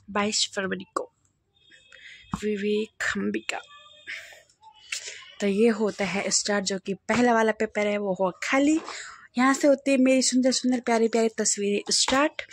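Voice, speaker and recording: A woman's voice: medium pitch, fairly even intonation, measured pace, pauses often, breathy edge, dry recording, clean studio sound. A young woman with an Uttarakhand Hindi accent, vlogging in a playful, chatty way as she shows her wedding album and laughs often. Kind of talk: casual chat to camera.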